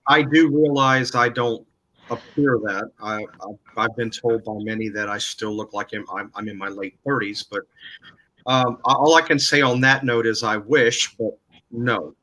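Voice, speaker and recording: Man in his forties with a bright voice. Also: medium pitch, rough recording. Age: 40s. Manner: brief replies, hesitant and halting when he talks longer. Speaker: co-host. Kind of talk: casual livestream chat.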